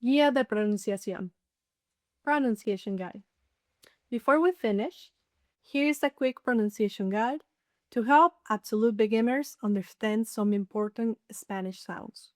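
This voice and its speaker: A woman teaching a beginner Spanish lesson, saying each word slowly and clearly and repeating it. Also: fairly high pitch, no echo, clean studio sound. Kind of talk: slow scripted language lesson.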